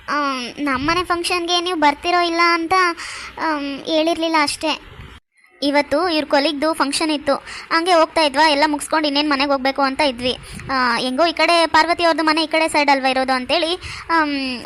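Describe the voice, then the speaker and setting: A woman's voice: high voice, fairly even intonation, a little fast, sharp tone. Woman voicing a chatty, kind young sister-in-law. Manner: chatty, explaining at length. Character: friendly young wife, warm-hearted sister-in-law. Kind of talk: cartoon voice acting.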